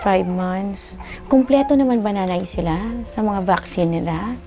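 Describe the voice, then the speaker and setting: A woman visiting a family as foundation host, asking about the babies and hushing them. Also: medium pitch, expressive, a little slow. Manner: warm, hushing a baby, asking questions. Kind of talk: casual chat. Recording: music bed under field audio.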